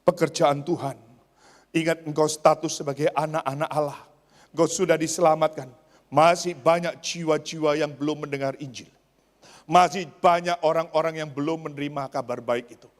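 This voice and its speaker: Preaching in a hall with long reverb, a male pastor with a high-pitched voice gives a church sermon at normal speed with fairly even intonation. He emphatically repeats key phrases and asks the congregation rhetorical questions, shifting between raised exclamations and quieter asides.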